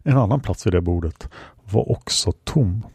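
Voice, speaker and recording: A man reading a fantasy story aloud as a calm audiobook narrator. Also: sits low, gravelly, breathy edge, no room sound. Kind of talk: scripted narration.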